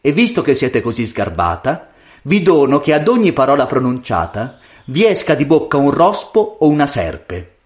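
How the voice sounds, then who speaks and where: A man voicing a calm, stern fairy in a fairy tale, measured and unhurried. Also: mid-range voice, pitched above the performer's own voice.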